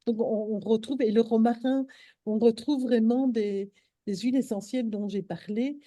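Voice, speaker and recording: Woman, casual live-stream chat, halting with fillers, slightly high voice, dry close sound. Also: steady tone, mellow, no echo. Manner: hesitant, many fillers and restarts. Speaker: host of a live stream on essential oils.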